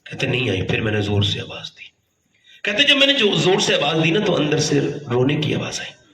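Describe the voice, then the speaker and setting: A man preaching a sermon as a story, fervent and rising to shouts at the high points. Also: huge pitch swings. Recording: echoey, voice heard from afar.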